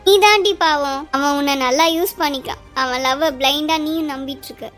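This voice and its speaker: A woman playing a firm, protective young cartoon woman who lectures and pleads, voice still very high but pushed lower and harder than the heroine's. faint children's music plays behind her. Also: fairly quick, a bit bright. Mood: stern. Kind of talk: cartoon voice acting.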